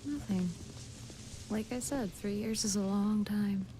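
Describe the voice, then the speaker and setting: A woman voicing an aloof, teasing young woman companion in a video game, with a soft, cool, insinuating voice. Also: medium pitch, a little slow, close to an everyday voice. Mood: coolly teasing. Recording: game audio with music behind.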